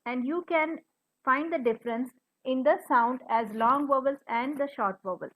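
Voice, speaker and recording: A woman's voice: sits high, normal speed, a bit bright. A woman teacher explaining short and long vowels, sounding out letters one by one. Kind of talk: phonics lesson. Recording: slightly dull, lo-fi recording.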